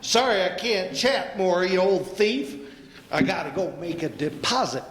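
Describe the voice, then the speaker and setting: A man's voice: high voice, animated, a little slow, a bit bright. Guy doing a flustered kindly old uncle in a stage radio play, stammery, swoops up and down, echoey noisy hall. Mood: gleefully teasing. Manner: stammering, scattered.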